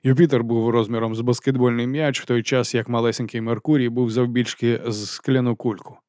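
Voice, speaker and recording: A man's voice: medium pitch, level tone, brisk, a little mellow, no echo. Man narrating an audiobook, dry sound. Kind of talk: first-person audiobook narration.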